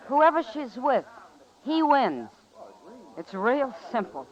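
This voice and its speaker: In a muffled old-time radio western, an American actress plays an easygoing, worldly saloon woman who is chatty, familiar, gossipy and frank. Her exaggerated voice sits high with big pitch swings and a slow pace.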